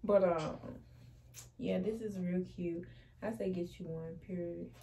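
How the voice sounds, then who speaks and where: Here a young adult woman, a fashion vlogger, talks through a try-on haul indoors in a small bedroom with plenty of slang and sass. She speaks on the low side at a measured pace, steady and warm with vocal fry. The camera sits across the room, and the low-quality recording has slight background noise.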